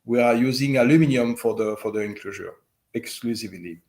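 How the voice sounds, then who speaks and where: A loudspeaker company owner with a French accent, answering interview questions haltingly with many fillers and restarts. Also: male voice, medium pitch. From French-speaking Switzerland.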